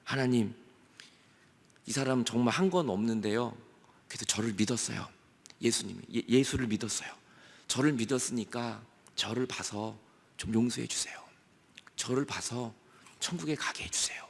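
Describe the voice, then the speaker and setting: A male pastor voicing Jesus as a gentle, encouraging figure within a church sermon. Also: medium pitch, moderate pace, gravelly, pauses often, voice pushed down. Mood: humble pleading. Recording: long hall reverb.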